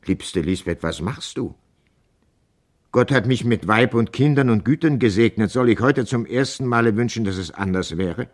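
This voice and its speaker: A man's voice: medium pitch, fairly quick, few pauses, lightly acted. A man reading the part of a determined horse dealer who speaks to his wife firmly but tenderly in a storybook reading. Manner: firm, earnest, gently persuasive.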